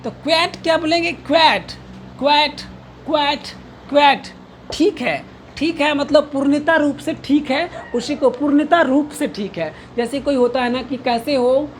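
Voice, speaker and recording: A woman teacher with a bright, high-pitched voice walks through vocabulary and pronunciation. She repeats every word many times in a steady drill, posing questions and answering them herself. A faint background noise sits beneath her voice. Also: moderate pace. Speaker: English teacher. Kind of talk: pronunciation lesson, explaining word by word.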